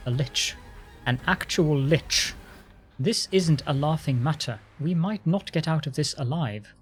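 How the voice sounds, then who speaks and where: A man's voice: fairly high pitch, lively intonation, measured pace. A stern, earnest crusader companion acted by a man from a fantasy game. The delivery is grave and serious, set over music. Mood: alarmed.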